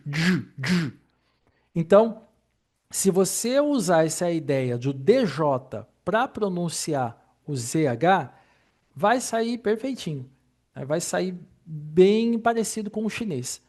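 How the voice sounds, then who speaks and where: A man's voice: sits high, a little mellow. A man teaching Mandarin pronunciation in an online lesson, patiently explaining and repeating each sound.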